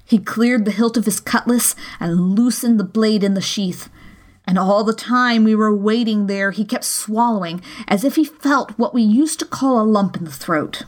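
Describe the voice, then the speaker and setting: A woman narrating a classic novel as an audiobook in a steady, measured storytelling manner. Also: mid-range voice.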